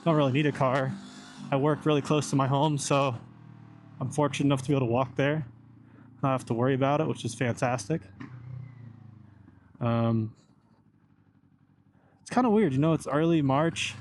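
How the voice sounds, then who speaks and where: A young man chatting casually and informally inside a helmet while riding a motorcycle, meandering from thought to thought and swearing mildly. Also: medium pitch. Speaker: motorcycle vlogger. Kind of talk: casual rambling motovlog chat. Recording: steady engine and road noise.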